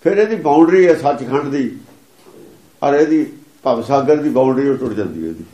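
A man's voice: mid-range voice, expressive, fairly quick, mellow, reverberant. A man giving a sermon that explains scripture, repeating and chanting its lines with emphasis. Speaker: religious preacher.

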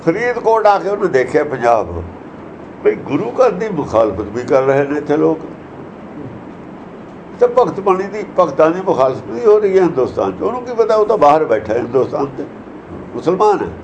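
A man's voice: fairly high pitch, big pitch swings, moderate pace, darkish tone, lo-fi sound, a little hiss or hum. A man giving a religious discourse that explains verses, lecturing earnestly and asking many rhetorical questions. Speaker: preacher.

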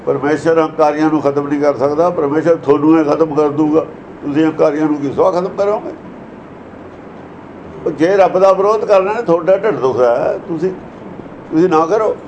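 A man's voice: a little high, a little fast, darkish tone, lo-fi sound, a little hiss or hum. A man giving a religious discourse that explains verses, lecturing earnestly and asking many rhetorical questions. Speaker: preacher.

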